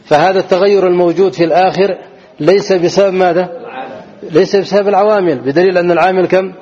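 A man's voice: high-pitched, steady tone, fast talker, darkish tone. A man teaching an Arabic grammar lesson who keeps asking his students questions, answers them himself and repeats the key words. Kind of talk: classroom grammar lesson with call-and-response questions. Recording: dull lo-fi recording.

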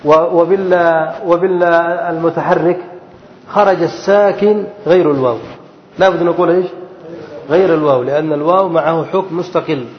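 A man teaching a grammar lesson, repeating rules and putting questions to his students. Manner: repeats and drills, asking students to fill in answers. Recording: roomy hall, dull low-fi sound.

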